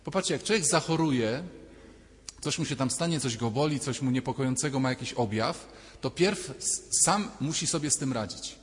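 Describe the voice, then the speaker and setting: A man preaches in a relaxed, conversational way and slips into quick voices for the people in his examples. His voice sits in a middle register. A long church reverb trails after every phrase. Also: mid-range voice. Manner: conversational, acting out quoted voices. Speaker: priest. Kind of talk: sermon.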